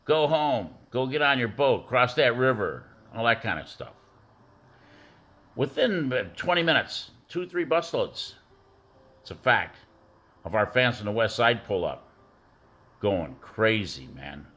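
Rambling middle-aged man, lowish voice. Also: sharp tone. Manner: rambling storytelling with many fillers. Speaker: former youth football coach. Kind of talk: birthday tribute speech.

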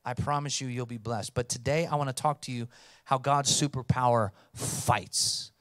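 A man's voice: medium pitch, steady tone, normal speed, no echo, studio quality. A man in his thirties preaching a sermon as pastor, speaking emphatically into a handheld mic on a church stage and calling out to the congregation. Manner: emphatic, rising to loud calls for response. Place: church stage with blue lighting. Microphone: handheld microphone.

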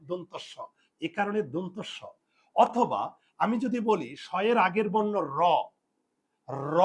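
A man with a notably high voice teaches a spelling lesson. He says each rule over and over, poses a question, then gives the answer himself, like a drill in a classroom. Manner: repeats and drills points, asks and answers own questions. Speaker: Bengali language teacher.

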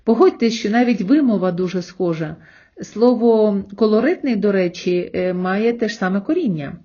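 A woman teaching a language lesson online, explaining patiently step by step and slowing down to sound out example words. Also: mid-range voice, lively intonation, mellow, lo-fi sound.

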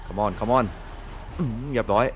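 A young man with a Thai accent giving excitable gameplay commentary. He laughs often and swears mildly. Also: fairly low pitch, slow pace, slight background noise. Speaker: gameplay streamer. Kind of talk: casual let's-play commentary.

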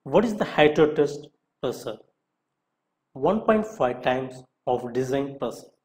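This man's lesson is scripted: he reads a question, then supplies a short answer, delivering it all deliberately like an instructor. His medium-pitched voice has lively intonation and a slightly mellow quality.

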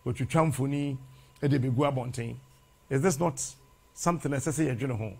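Speaking into a lapel mic in a TV studio with a brick wall, a middle-aged Ghanaian host mixes Twi and English in an animated, sermon-like monologue built on rhythmic repetition. His pitch is medium, his pace normal, and his voice carries vocal fry.

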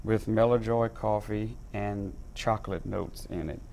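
A man's voice: fairly low pitch, steady tone, unhurried, creaky, a little mellow, slight background noise. A man in his thirties, a chef and restaurant owner, talking casually through a cooking demo on a morning TV show, with lots of ums and uhs. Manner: chatty, many ums and uhs. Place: TV studio kitchen set.

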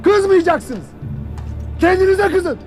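A man's voice: extremely high pitch, animated, slow pace, darkish tone, soft background music, exaggerated voice. An actor playing a stern male army commander who harshly scolds his soldiers for falling asleep on duty, in a television drama.

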